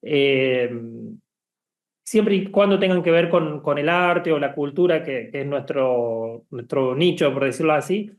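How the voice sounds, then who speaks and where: A man's voice: a little high, a little slow. A man from Argentina, talking casually as an interview guest, hesitant with many fillers and restarts. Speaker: guest, bookshop founder.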